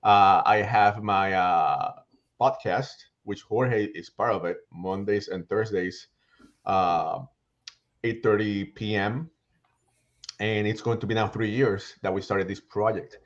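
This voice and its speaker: A man's voice: on the low side, slow, muffled recording. A middle-aged man with a Puerto Rican accent, a guest baseball writer talking animatedly over a headset on a video call. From Puerto Rico. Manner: animated, restarts phrases often. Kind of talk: casual video-call interview. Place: small home room with shelves.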